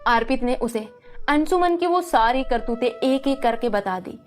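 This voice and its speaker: A woman's voice: a little high, animated, normal speed, faint music behind. A woman narrating a romantic audio drama in an emotive storytelling way.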